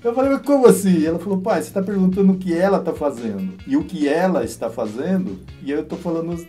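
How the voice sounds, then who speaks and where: A Brazilian man in his fifties, a father, telling a story in a lively, casual chat and often tagging his sentences with a quick question. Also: on the high side, soft background music. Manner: lively storyteller, frequent "né?", laughs as he tells.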